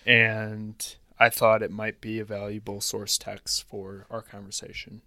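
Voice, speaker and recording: A man's voice: on the low side, completely flat delivery, measured pace, sharp tone, slight background noise. Wry, rambling man on a podcast. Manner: rambling, wry, laughs often. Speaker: podcast co-host. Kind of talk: casual chat.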